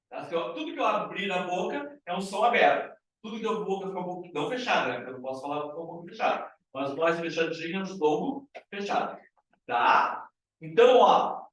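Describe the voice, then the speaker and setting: A man with a Brazilian Portuguese accent teaching a classroom grammar lesson, lively and often checking in with rhetorical questions. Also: sits high. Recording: very echoey room from far off.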